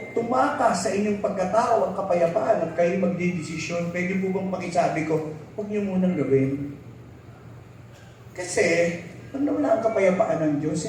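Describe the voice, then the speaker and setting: A man's voice: high-pitched, darkish tone, a little hiss or hum. A Filipino man preaching a sermon as pastor, switching between Tagalog and English and acting out the people in his stories. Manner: mixes English into Tagalog, acts out quoted voices. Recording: very echoey hall, mic far off.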